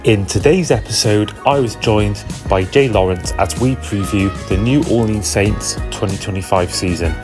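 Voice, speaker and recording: A man's voice: on the low side, normal speed, few pauses. A man from Wales, a podcast host, reading a short scripted episode intro in an upbeat way. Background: music.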